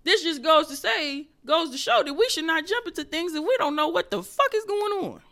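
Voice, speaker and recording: Bright-voiced, profane comedian woman ranting. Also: extremely high pitch, fairly quick. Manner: loud, profane, animated storytelling with sudden drops to a whisper. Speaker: comedian podcast host. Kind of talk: solo comedic rant.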